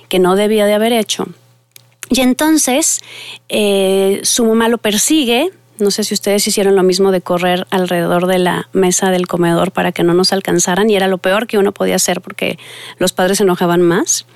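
A woman's voice: mid-range voice, creaky, dry recording. A middle-aged woman therapist tells stories earnestly to an audience, speaking to them directly. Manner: earnest storytelling, addresses listeners directly. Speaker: family therapist. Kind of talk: talk to an audience.

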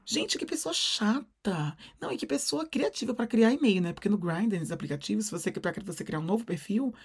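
A man with a Brazilian Portuguese accent co-hosting a podcast, telling stories in a lively way and acting out quotes. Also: high voice, brisk, creaky, breathy edge. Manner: animated storyteller, acts out quotes. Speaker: podcast co-host. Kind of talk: casual chat.

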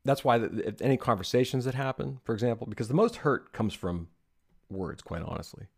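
A man's voice: medium pitch, animated, brisk, vocal fry, slightly rough. A man speaking as a podcast guest, giving emphatic advice in casual conversation and checking in with "okay?" and "right?".

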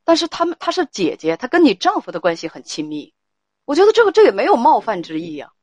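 A woman's voice: on the high side, wildly swooping pitch, quick pace, a little mellow, no echo. A woman hosting a live call-in advice stream, firmly steering and judging a caller's family quarrel. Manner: firm, talks over the caller to steer her. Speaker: livestream advice host.

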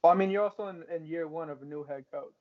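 A man's voice: a little high, fast talker, a crowd in the background. A man co-hosting a sports podcast, chatting casually. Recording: muffled lo-fi audio.

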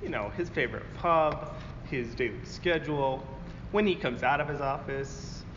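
A man's voice: mid-range voice, moderate pace. A man bantering casually as a player in a tabletop game. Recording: distant mic in a muffled, noisy hall.

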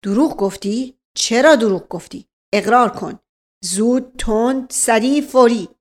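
A woman doing a shouting bully inspector. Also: fairly high pitch, lightly acted. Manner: barks short commands, shouting. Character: blustering bullying male police inspector.

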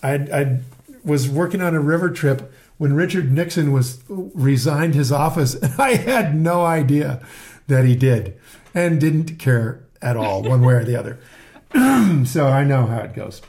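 An older man explains investing on a casual podcast, earnest and rambling, circling back on himself as he talks. His voice sits a bit high for a man. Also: animated, measured pace, a little mellow. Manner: earnest, rambling, self-correcting. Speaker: podcast co-host and investing teacher.

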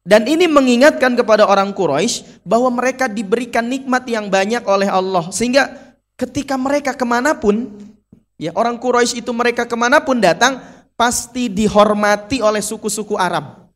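A man with a Sundanese accent preaching a lively, playful sermon to women at a mosque. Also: very high-pitched, brisk. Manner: lively and playful, acts out quotes and mimics.

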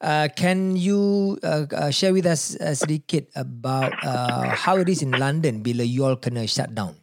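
Man, mid-pitched, Singaporean accent, Singlish mixed with Malay, casual talk show host, dry sound. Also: normal speed, gravelly, no room sound. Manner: Singlish, code-switching between English and Malay.

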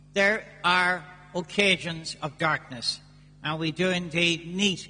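A man speaking as a priest at Mass, reading scripture and preaching with measured, deliberate pauses in a cathedral-like echo. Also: high-pitched, pushed and bright. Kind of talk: liturgical reading and sermon. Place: large church during a service. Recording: long cathedral-like church echo.

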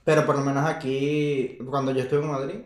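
A Venezuelan man co-hosting a podcast, speaking in a relaxed, earnest way about living abroad. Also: mid-range voice, fairly quick, reverberant. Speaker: podcast co-host. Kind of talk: casual chat.

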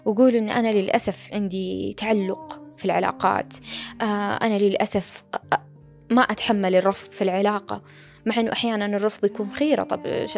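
A woman giving a motivational self-help talk, animated and fond of rhetorical questions she answers herself. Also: mid-range voice.

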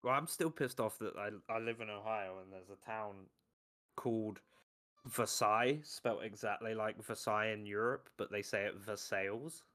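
A man's voice: on the low side, normal speed, fairly bright tone, smooth. A man co-hosting a podcast, talking sports in a blunt, casual way and swearing freely. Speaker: podcast co-host. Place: lives in Ohio.

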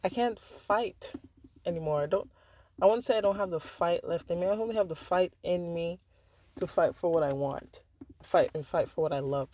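A woman's voice: lowish voice, normal speed, warm tone. Frank, profane woman telling a personal story. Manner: frank and profane, with lots of fillers, restarts and bursts of laughter. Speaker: vlogger.

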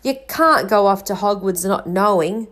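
A woman voicing a big, gruff, kind-hearted man with fiery feeling and folksy, rambling, colloquial speech in a storybook reading. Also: mid-range voice, moderate pace, a bit bright, close to an everyday voice. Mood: anxious.

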